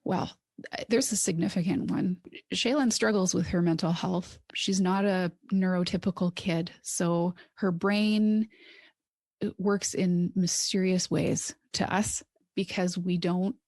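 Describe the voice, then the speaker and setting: A woman's voice: lowish voice, unhurried, no echo, studio quality. A middle-aged woman, a counsellor and adoptive mother, telling her story candidly on a podcast, acting out what people said. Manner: earnest, animated storytelling with quoted dialogue.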